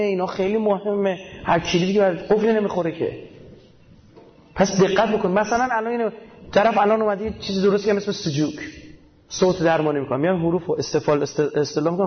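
A man giving a casual, colloquial religious talk, emphatic and full of rhetorical questions he answers himself, with homely everyday examples. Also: high-pitched. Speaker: religious speaker. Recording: dull lo-fi recording.

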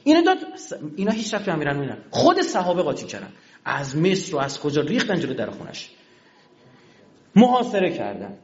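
Animated male lecturer, lively rising voice. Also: fairly high pitch, lo-fi sound. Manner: animated storyteller who acts out quoted dialogue. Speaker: religious lecturer. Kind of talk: religious history lecture in colloquial storytelling.

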